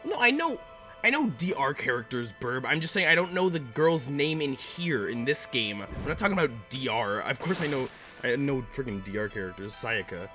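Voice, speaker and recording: A man's voice: medium pitch, very animated, normal speed, sharp tone. Rambling casual male game streamer. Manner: rambling, chatty, talks back to chat. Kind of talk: casual let's-play chat. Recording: game music behind the voice.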